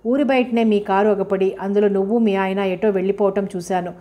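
A woman voicing a lame, remorseful young man, speaking quietly and pleadingly in a storybook reading. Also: medium pitch, steady tone, fairly quick, lightly acted.

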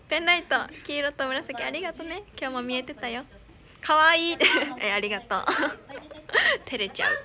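Giggly high-voiced woman with Kansai accent. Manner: giggly, reads fan comments and thanks them. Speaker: idol streamer. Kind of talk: casual live stream chat.

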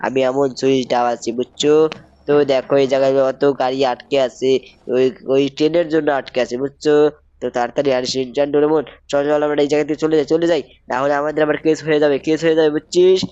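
A young man giving excited gameplay commentary, repeating himself and calling out to viewers. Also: fairly high pitch, quick pace, clear, resonant tone, no room sound, highs cut off. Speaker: gaming YouTuber.

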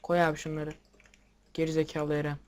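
A young man giving casual game commentary, excitable, swearing at the game and talking to his viewers. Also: fairly high pitch, brisk, a little hiss or hum. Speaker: gameplay video maker. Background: keyboard and mouse clicks.

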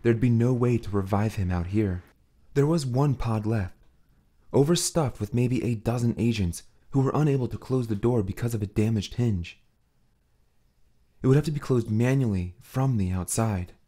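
A man narrating an audiobook with a steady, dramatic reading. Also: mid-range voice, moderate pace. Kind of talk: scripted narration.

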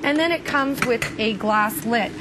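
Female home shopping host, chatty demo style, fairly high voice, noticeable studio background noise. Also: measured pace. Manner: chatty, demonstrative sales talk. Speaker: home shopping product presenter. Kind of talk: home shopping host's product demonstration. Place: TV studio kitchen set.

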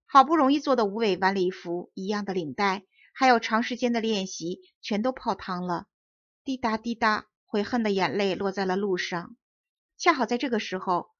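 A woman's voice: mid-range voice, fairly bright tone, dry recording. Woman narrating a children's fairy tale. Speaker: audiobook narrator. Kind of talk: storybook narration. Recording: dull dry audiobook recording.

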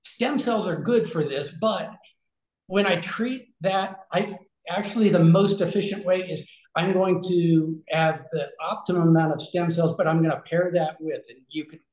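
A man in his forties, a regenerative health concierge, talks over a video-call webcam from an echoey small room with shelves. His voice is somewhat high and darkish at normal speed, and he explains at length in a loose, casual way, full of fillers and restarts, gesturing as he goes.

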